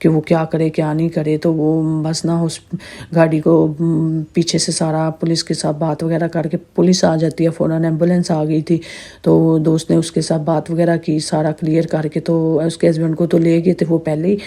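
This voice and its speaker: A woman in her thirties with a sore, slightly hoarse throat, chatting through a casual vlog voice-over. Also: low voice, completely flat delivery, normal speed, warm tone. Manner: chatty, rambling storytelling. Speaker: vlogger narrating her day.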